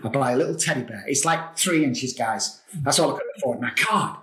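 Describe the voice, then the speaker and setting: A middle-aged man, a podcast guest, telling a story in an excitable way, swearing casually. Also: medium pitch, fairly quick. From England. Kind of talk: animated storytelling. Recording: roomy echo.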